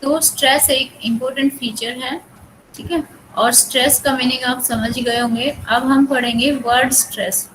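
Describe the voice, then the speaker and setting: A young Indian woman, a native Hindi speaker, teaching an English class with an Indian accent. She reads English passages slowly and then explains them. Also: high voice, fairly even intonation, a bit bright, slight background noise, poor audio. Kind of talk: bilingual classroom lecture.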